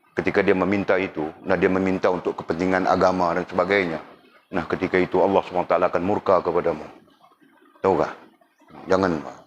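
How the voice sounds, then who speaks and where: A man teaches a religious class in a relaxed, fairly low lecturing voice, repeatedly checking that his listeners follow and slipping in teasing jokes. A faint hum runs underneath, and the high frequencies are cut off.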